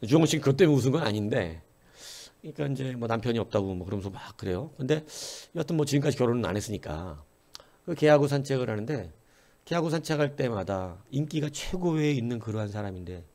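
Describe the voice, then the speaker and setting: Man preaching with animated storytelling. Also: mid-range voice, quick pace. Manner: animated storytelling, acts out quoted speech. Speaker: pastor. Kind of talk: sermon. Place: church.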